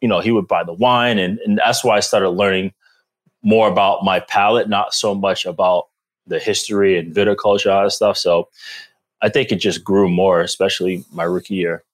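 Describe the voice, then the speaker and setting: East coast guy in his 30s, lowish voice, chatty storyteller, laughs a lot. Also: moderate pace. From Rhode Island, US East Coast. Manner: animated storyteller who laughs often. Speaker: guest, former pro football player. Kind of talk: casual interview chat.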